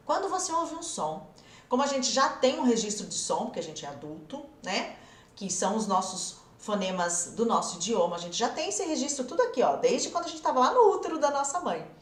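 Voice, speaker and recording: Lively Brazilian woman English teacher. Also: fairly high pitch. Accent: Brazilian Portuguese. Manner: animated, demonstrative explaining, addresses viewers directly. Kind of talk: live online English lesson. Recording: roomy echo.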